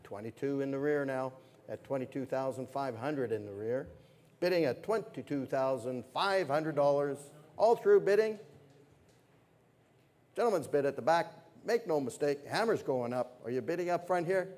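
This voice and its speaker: A man's voice: mid-range voice, a little mellow. A man working as a fine art auctioneer, calling bids in a repetitive, salesmanlike patter at a live sale. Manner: brisk salesman's patter, repeating numbers. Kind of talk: live auction calling with repeated bid figures.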